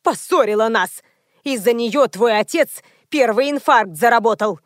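A woman voicing a furious, imperious older mother-in-law who scolds loudly in an audiobook. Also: a little high, moderate pace, dry recording, studio quality, natural voice. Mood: indignant. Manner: loud, indignant, scolding.

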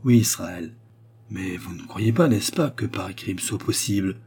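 A man's voice: low voice, a little slow, gravelly, warm tone, husky, exaggerated voice. A man voicing a young noble grand duchess, earnest and anxious, speaking with a raised, emotional voice.

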